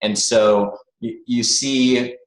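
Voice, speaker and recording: A man with a medium-pitched voice speaks very slowly in a steady tone as a guest on a video call interview. Born in the US and raised abroad, he's thoughtful and hesitant, using lots of filler words in this reflective conversation. The recording is rough, with a roomy sound.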